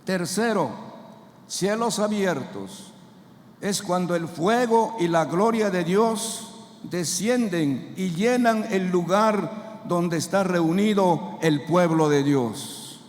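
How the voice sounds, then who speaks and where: A man's voice: high-pitched, expressive, takes it slowly. A man who is a pastor, preaching a fervent sermon and calling on the congregation to answer back. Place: church sanctuary. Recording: long reverb of a church hall.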